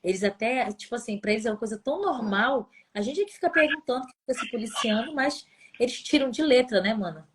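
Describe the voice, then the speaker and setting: A Brazilian woman in her thirties with a Brazilian Portuguese accent, chatting on a live stream and telling family stories in a lively way. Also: on the high side, a little hiss or hum. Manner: chatty storyteller, quick and animated. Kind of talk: casual live chat.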